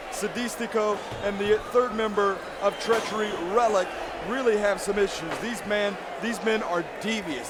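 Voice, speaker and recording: A man giving excited lucha libre announcer commentary, calling the play-by-play emphatically. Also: sits high, very noisy. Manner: emphatic, shouted calls. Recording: loud music behind. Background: loud music.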